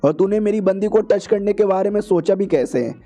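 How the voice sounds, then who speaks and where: A man's voice: normal speed, warm tone. A man voicing an arrogant, domineering rich young man who teases and orders people around. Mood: domineering swagger. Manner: low, bossy, teasing.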